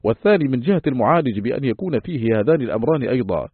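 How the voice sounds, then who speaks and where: A man reading a classical text aloud as an audiobook, in a formal, measured recitation style. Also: medium pitch, expressive, no echo. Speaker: audiobook reader. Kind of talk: scripted narration of a classical text. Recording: tinny phone-like, dry, husky.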